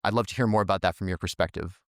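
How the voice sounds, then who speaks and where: A man's voice: low-pitched, very fast, no echo, clean studio sound. A man hosting a podcast interview, asking questions conversationally and often restarting his words. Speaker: podcast host.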